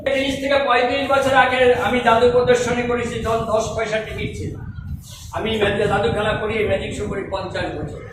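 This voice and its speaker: A man's voice: very high-pitched, level tone, fast. A man in his seventies doing kids' party magician patter, calling out questions to the children and asking for applause. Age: 70s. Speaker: stage magician. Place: school magic show before children. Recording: very echoey room, distant mic, noisy.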